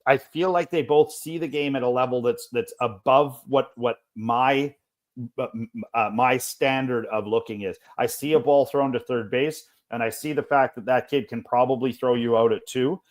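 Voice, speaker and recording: Rambling, animated male podcast co-host. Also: mid-range voice, moderate pace. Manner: rambling, animated, many restarts. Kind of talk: casual podcast chat.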